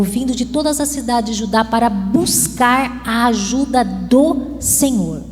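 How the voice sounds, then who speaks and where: A woman pastor with a Brazilian Portuguese accent preaches a sermon in a church, mixing bursts of emphasis with playful asides. Her voice is fairly high and a little mellow, heard through the long reverb of a church hall with slight background noise.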